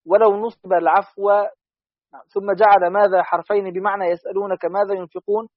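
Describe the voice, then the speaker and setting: A man reading a classical text aloud in a quick, steady recitation for a study lesson. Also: high voice, no room sound. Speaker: student reader. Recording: dry, dull lo-fi audio.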